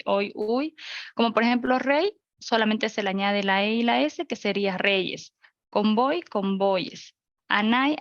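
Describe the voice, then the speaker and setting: A woman's voice: mid-range voice, no echo, highs cut off. A young woman teaching an online class. She goes through examples one by one and checks in with her listeners. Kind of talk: virtual grammar lecture. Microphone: video call.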